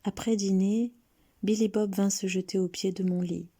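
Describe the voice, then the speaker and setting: A woman reading a short story aloud as narrator, often in a hushed, half-whispered way. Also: mid-range voice, fairly even intonation, moderate pace.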